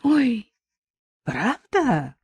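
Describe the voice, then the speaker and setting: Woman doing an excitable middle-aged postwoman. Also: fairly high pitch, extremely slow, breathy edge, no room sound, voice pushed up, full character voice. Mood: eager. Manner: excitable, chattering.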